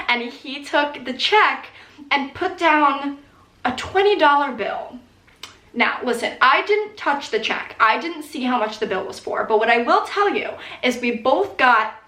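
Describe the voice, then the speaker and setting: A young woman in her early twenties hosts a casual Q&A in a bright, highish voice. She chats like she is gossiping with friends, animated and giggly, peppering her stories with "like". The sound is roomy and echoey. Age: early 20s. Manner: animated, giggly girl-talk with frequent "like". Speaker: video host answering viewer questions. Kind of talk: casual chatty Q&A storytelling.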